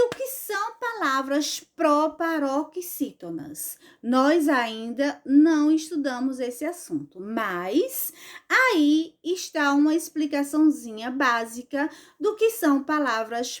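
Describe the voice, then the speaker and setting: A Brazilian woman teaching an online class in a high, singsong voice. She talks slowly and patiently, repeating each point and calling her pupils endearing names as she checks they understand. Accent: Brazilian Portuguese.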